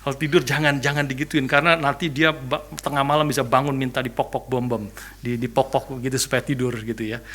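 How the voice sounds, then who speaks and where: A man preaching a sermon, animated and humorous, asking rhetorical questions and repeating key phrases with frequent "ya" tags. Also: mid-range voice, brisk. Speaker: pastor. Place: church.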